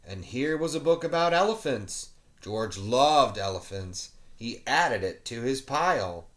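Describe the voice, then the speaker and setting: A man, a teacher who reads children's stories, reads a picture book aloud with expression and adds playful asides for young listeners. His mid-range voice has lively intonation and a measured pace.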